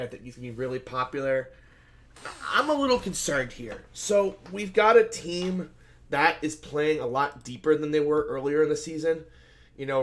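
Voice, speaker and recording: Hoarse and scratchy after yelling at a game, a man hosts a solo fantasy basketball betting slate breakdown in a mid-range voice. He's conversational, using lots of fillers and thinking through his picks out loud with frequent self-corrections.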